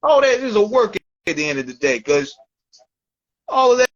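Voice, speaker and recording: A man's voice: high voice, very animated, moderate pace. Slangy man chatting on a lo-fi line. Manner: loose, slangy, repeats himself. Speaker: show host. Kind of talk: casual chat.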